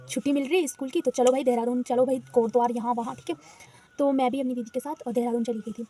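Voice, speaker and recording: A young woman from the hills of northern India, telling a personal story in a chatty, animated way. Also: high-pitched, slightly rough. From Uttarakhand hills. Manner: chatty, animated, fillers like "theek hai". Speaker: vlogger. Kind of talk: casual storytelling. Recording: distant mic with faint noise.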